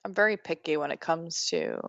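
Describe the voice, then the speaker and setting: A woman's voice: low voice, huge pitch swings, fairly quick, creaky, fairly bright tone, no room sound, muffled recording. A woman co-hosting a podcast in casual chat, talkative and laughing often, trailing off mid-sentence. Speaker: podcast co-host.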